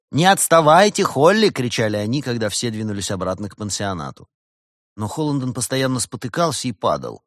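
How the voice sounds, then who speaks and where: A man narrating an audiobook in an expressive storytelling manner. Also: lowish voice, dry recording, clean studio sound. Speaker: audiobook reader.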